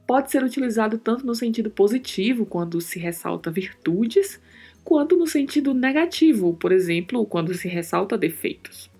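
A woman hosting a language-lesson podcast, explaining meaning and pronunciation slowly and carefully, repeating words as drills. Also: on the high side, expressive, dark tone, breathy edge, soft background music.

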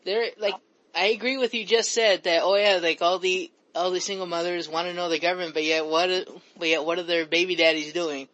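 High pitched guy hosting, rambles and restarts his sentences a lot. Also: steady tone, brisk, a bit bright, low-quality recording. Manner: rambling, stammering restarts, laughs. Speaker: host. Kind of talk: casual chat.

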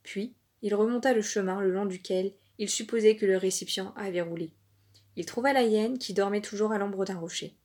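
A woman narrating an African folk tale for children in a calm, expressive storytelling voice. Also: medium pitch, normal speed.

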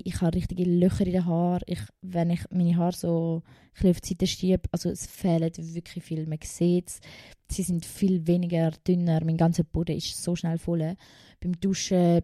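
A woman's voice: fairly low pitch, mellow, dry recording, clean studio sound. A young woman from Switzerland with a Swiss German accent, casually telling a personal story in a vlog, emotional and chatty, swearing now and then and dropping in English phrases. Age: young adult. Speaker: vlogger.

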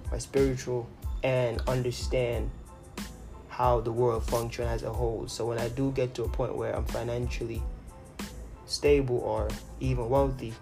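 A man delivers a solo motivational podcast over music. His voice sits at a middle pitch and moves little up and down. He sounds earnest and deliberate, often circling back to rephrase. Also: flat delivery. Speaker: podcast host.

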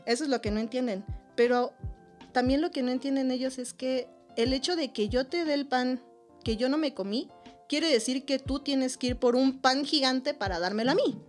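A woman with a Mexican accent, a podcast guest in casual chat, telling stories in an animated way and laughing often. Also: high-pitched, moderate pace, soft background music.

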